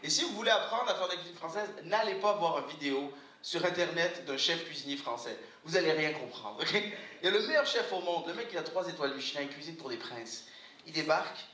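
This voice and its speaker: High-voiced man doing stand-up in a roomy hall. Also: animated. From Algeria. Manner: playful, jumps into quick parody voices. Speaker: stand-up comedian. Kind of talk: stand-up comedy set. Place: live gala hall with audience. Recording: roomy hall, distant mic, loud noise. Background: audience laughter and ambience.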